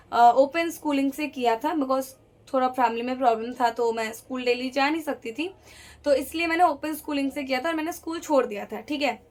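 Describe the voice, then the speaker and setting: A young woman telling a personal story in a casual vlog, lively and acting out each quoted voice. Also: sits high. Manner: lively, acts out every quoted voice.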